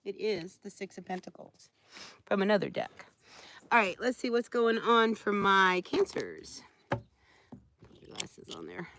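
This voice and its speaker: A woman's voice: mid-range voice, sing-song, a little slow, long pauses, fairly bright tone, slight background noise. A woman giving a live tarot reading outdoors, talking to viewers in a conversational, familiar way. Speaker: tarot reader hosting a live stream.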